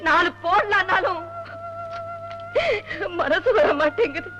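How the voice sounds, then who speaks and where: Sad village mum, teary and pleading, high voice, old movie audio with loud music. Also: female voice, lively intonation, slow pace, full character voice. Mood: tearful. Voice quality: tearful, pleading. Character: grieving village mother of a lame son. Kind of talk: 1960s Tamil film acting.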